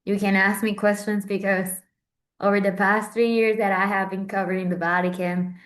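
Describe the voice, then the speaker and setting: Speaking at normal speed with a flat delivery in a mid-range voice, a young Central American woman in her 20s chats informally. She's a Vatican correspondent, and her talk is chatty, packed with fillers and false starts.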